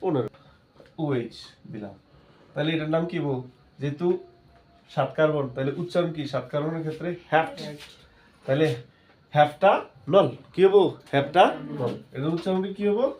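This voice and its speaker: A man's voice: fairly high pitch, normal speed, long pauses, darkish tone. A male chemistry teacher, giving a classroom lesson. He keeps asking his students questions and then answers them himself.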